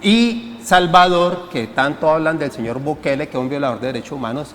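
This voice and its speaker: A man speaking as a panelist on a political talk show, making measured arguments with frequent hesitant fillers. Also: a little high, a bit bright, big-room sound, slight background noise.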